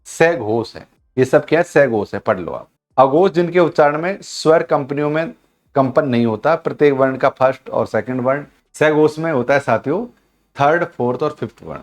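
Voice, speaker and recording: A man's voice: medium pitch, moderate pace. A man teaching a Hindi grammar lesson in a live online class. He keeps asking his students questions, answers them himself, and sounds out syllables to show each point. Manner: repetitive call-and-response questioning of students; demonstrates sounds by voicing syllables aloud.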